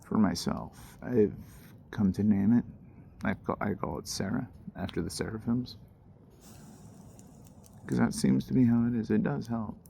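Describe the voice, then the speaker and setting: A man with a low voice and a gravelly fry talks casually to his viewers by a campfire outdoors. His delivery is slangy and musing, wandering as he goes. Faint ambient noise sits behind him. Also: fairly even intonation, measured pace, warm tone. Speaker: host. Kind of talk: casual fireside monologue to viewers.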